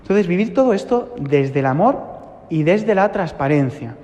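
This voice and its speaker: A man's voice: on the high side, lively intonation, moderate pace, a little mellow. A male priest giving an earnest sermon, repeating phrases for emphasis. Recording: long church reverb.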